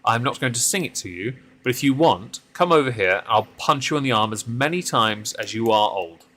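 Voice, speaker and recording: A man in his mid-thirties with a deep voice chats casually with viewers on a driving game stream, rambling and poking fun at himself. He sounds animated, with a moderate pace and a fairly bright tone.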